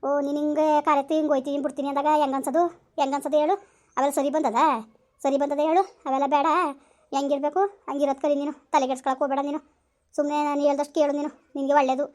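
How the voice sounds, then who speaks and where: Rapid-talking middle-aged woman, firm but soothing. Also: sits high, little pitch movement, warm tone. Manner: firm, soothing, repeats her reassurances. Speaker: aunt on a phone call. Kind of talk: consoling phone talk.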